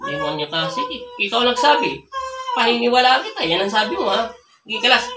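A woman's voice: fairly high pitch, wildly swooping pitch, a little fast. A woman folk healer performing an exorcism, commanding and taunting a spirit and repeatedly ordering it to leave. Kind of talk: forceful spoken exorcism ritual. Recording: echoey room, mic from far, audible background noise.

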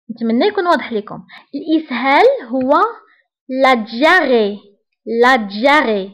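A woman with a Moroccan Arabic accent teaches French vocabulary in a fairly high voice. She says each new word slowly and repeats it several times before giving an example.

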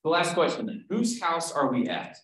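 A man's voice: on the high side, big pitch swings, normal speed, a bit bright. A man teaching an online Bible study in a chatty way, often asking the group questions and checking in with "right?". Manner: conversational, asks the group questions, frequent "right?". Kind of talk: casual Bible study teaching on a video call. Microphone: video call. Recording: very echoey room.

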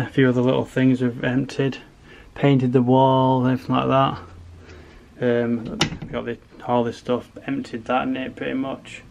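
A man in his thirties vlogging in a casual, rambling, matter-of-fact way as he walks through a house, recorded on a handheld camera. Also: mid-range voice. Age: 30s. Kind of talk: casual walkthrough chat to camera. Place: rooms of a house, indoors. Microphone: camera held at arm's length. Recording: handheld camera with clear background noise.

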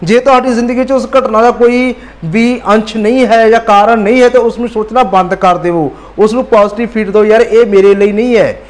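A man's voice: very high voice, steady tone, a little fast, few pauses. A man giving a motivational talk. He speaks earnestly, repeats phrases for emphasis and addresses his listeners directly as friends.

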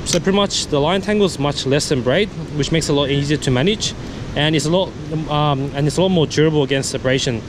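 A man's voice: fairly high pitch, quick pace, background noise. A young man vlogging from a seaside rock ledge with an action camera, talking casually about his catch and his fishing gear with lots of fillers. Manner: relaxed, filler-heavy, says "pretty much" often. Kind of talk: casual outdoor vlog with gear talk. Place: rock ledge by the sea, outdoors. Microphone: head or chest-mounted action camera.

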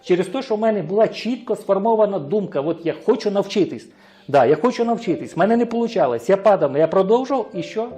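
A man's voice: sits high, expressive, quick pace, mellow. A man with a Ukrainian accent preaching a sermon, often asking the congregation questions and answering them himself, sometimes stumbling and restarting words. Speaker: pastor.

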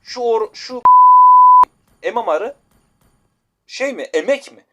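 A man's voice: extremely high pitch, expressive, slow pace. A man ranting and swearing while commenting on his mobile game match, repeating himself as he complains. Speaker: gamer. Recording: noisy gameplay recording.

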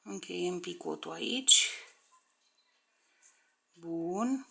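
A woman's voice: fairly low pitch, lively intonation, creaky, sharp tone. A woman teaching a crochet tutorial step by step, counting stitches aloud, often under her breath, and checking in with viewers.

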